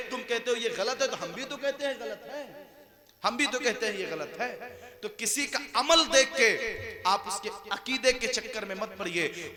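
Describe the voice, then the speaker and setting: A man delivering a sermon to a gathering, moving from soft, explaining talk to impassioned shouting. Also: high voice. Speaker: preacher. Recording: live crowd audible behind.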